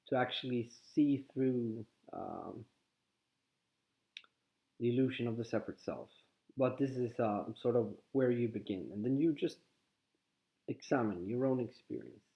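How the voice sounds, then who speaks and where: With a medium pitch and some vocal fry, a Swedish-born man whose first language is Swedish leads a calm, contemplative teaching in accented speech. This spiritual teacher halts frequently and restarts his sentences, captured in slightly dull lo-fi audio.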